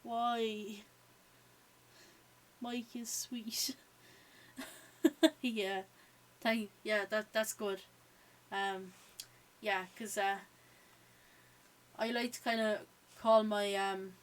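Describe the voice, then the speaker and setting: On a live watch-along stream, an Irish-accented woman reacts to the match, reads viewers' messages aloud and chats casually, leaning on "um" and "yeah" a lot. Her voice is medium in pitch, and the poor audio has a little hiss or hum.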